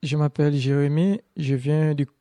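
A man's voice: a little high, steady tone, normal speed, warm tone, no echo. A male student from the Democratic Republic of the Congo introduces himself carefully.

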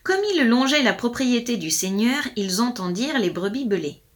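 A woman narrating a folk tale in a lively, expressive storybook reading. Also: a little high, moderate pace.

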